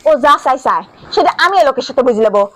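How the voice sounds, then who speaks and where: An actress playing a sharp-tongued village wife who scolds her husband in rapid bursts, in a comic short film. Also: sits high, lively intonation. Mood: scolding.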